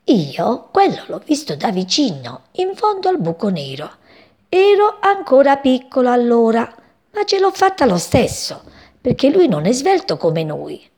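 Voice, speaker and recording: A woman's voice: on the high side, wildly swooping pitch, a little slow, darkish tone, slightly rough, voice pushed up, full character voice. A woman voicing a cocky, boastful young male sparrow in a children's story.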